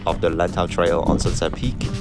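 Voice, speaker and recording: Music plays clearly behind a man with a deep, low voice. He narrates a trail running vlog from a script, keeping a measured and matter-of-fact delivery. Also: little pitch movement.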